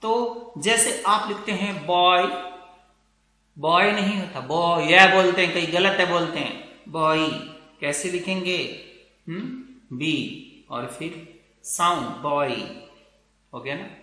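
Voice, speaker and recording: A man teaching English pronunciation in a video lesson, explaining slowly and checking with his students again and again. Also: high-pitched, sharp tone. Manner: explains slowly, repeats words and checks with "theek hai na". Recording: very echoey room.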